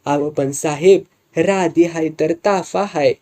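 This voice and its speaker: A man's voice: fairly high pitch, slow, dark tone. A man voicing an angry, betrayed male folk troupe leader who talks bitterly. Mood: pleading. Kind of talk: storytelling with acted dialogue.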